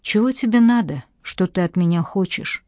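A woman's voice: medium pitch, expressive, normal speed, darkish tone, no room sound, natural voice. A woman reading the part of a bitter adult man who speaks curtly and with hostility. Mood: cold, hostile. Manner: curt and hostile. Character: harsh, cold adult man, bitter ex-convict.

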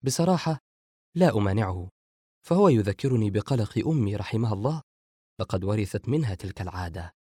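A man's voice: on the low side, animated, a little fast, mellow, slightly rough, dry recording, studio quality. A man voicing a joking, sarcastic younger brother in an audiobook. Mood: wry. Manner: sarcastic, dismissive. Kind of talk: audiobook character voice.

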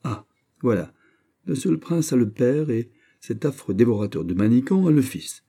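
A man reading an audiobook voices a lively young count of the royal court, bantering and exclamatory. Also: medium pitch, normal speed, vocal fry, husky, pitched above the performer's own voice, full character voice.

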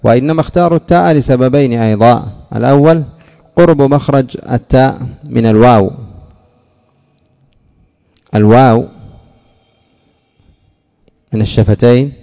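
Gravelly-voiced man teaching grammar. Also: medium pitch, warm tone, big-room sound. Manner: explains step by step, asks students rhetorical questions; drawls out example words slowly. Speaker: Arabic morphology teacher. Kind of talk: classroom lecture on grammar.

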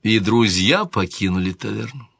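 A man narrating a historical tale in a measured audiobook reading. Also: on the low side, lively intonation, vocal fry, a bit bright, breathy edge, no echo. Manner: measured storytelling.

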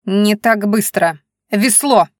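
A woman voicing an impatient, indignant young heroine on a quest, loud, insistent and exasperated, read as an audiobook. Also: medium pitch, takes it slowly, dry recording, studio quality, close to an everyday voice. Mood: stubborn. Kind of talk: audiobook reading.

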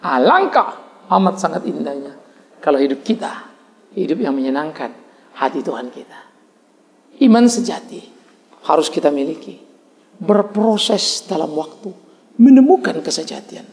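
A man preaching a sermon as a pastor, emphatic, with repeated refrains and sudden leaps in pitch. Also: animated, moderate pace, creaky, long pauses, darkish tone, long reverb tail.

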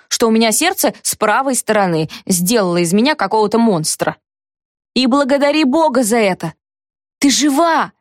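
A woman's voice: mid-range voice, no echo, studio quality, close to an everyday voice. A woman reading aloud and voicing the indignant heroine, who snaps back in a raised, exasperated voice. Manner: exasperated, raised voice, quick retorts.

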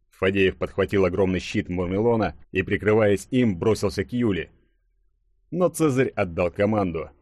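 A man reading an audiobook in a dramatic, measured storytelling manner. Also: fairly low pitch, a little mellow, husky, dry recording, studio quality. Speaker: audiobook narrator. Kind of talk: scripted audiobook narration.

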